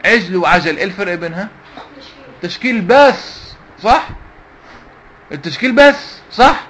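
High-voiced Egyptian sheikh quizzing a class. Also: male voice, lively intonation, moderate pace, a bit bright, slight background noise. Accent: Egyptian Arabic. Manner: quizzes the class with repeated questions, call and response. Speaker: sheikh teaching Quran recitation. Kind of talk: classroom lesson to young students.

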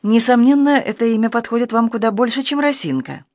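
A man playing a shrewd male magistrate who questions in a cool, measured way. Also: very high-pitched, animated, no echo, clean studio sound, voice pushed up. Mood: probing. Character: shrewd male magistrate, calm, cold and probing.

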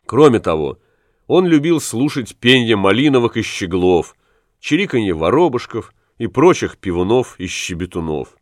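Low-voiced man narrating a classic novel. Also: no echo, studio quality. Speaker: audiobook narrator. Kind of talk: scripted literary narration.

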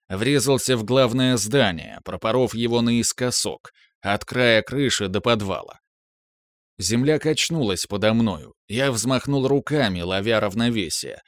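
A man reading a novel aloud in the first person, with steady, measured storytelling. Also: mid-range voice, dry recording, clean studio sound. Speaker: audiobook narrator. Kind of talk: first-person audiobook narration.

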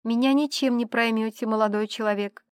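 A woman's voice: on the high side, steady tone, fairly quick, clean tone, no room sound, studio quality, lightly acted. A woman voicing a sober, sullen older man who answers in curt grumbles. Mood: grumbling.

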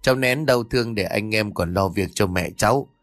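A man's voice: on the low side, moderate pace, no echo, lightly acted. A man voicing a reassuring older village neighbor consoling a young man. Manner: calm, reassuring.

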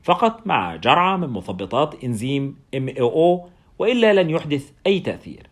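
A man reads as a bearded German anesthetist, a talkative doctor who explains drug facts at a rapid clip. The lines come quick in a storybook reading, lifted a little above the narrator's own pitch. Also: big pitch swings. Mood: explaining.

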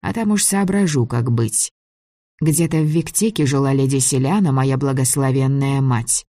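A fantasy audiobook read in the first person with an even, measured delivery at a middling pitch. The recording is dry and close, with no room sound at all. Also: no room sound. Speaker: audiobook reader.

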